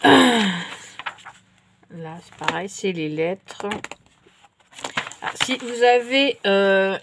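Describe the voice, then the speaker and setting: A middle-aged woman doing a casual show-and-tell haul of craft supplies, chatty and unhurried, often pausing to correct herself. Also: mid-range voice, slight background noise. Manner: chatty and unhurried, many fillers and self-corrections. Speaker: vlogger showing craft purchases.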